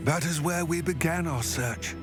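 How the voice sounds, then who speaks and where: Grave goblin ally, man acting, formal and measured, over game music. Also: on the high side, close to an everyday voice. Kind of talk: video game dialogue. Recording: game audio with loud music.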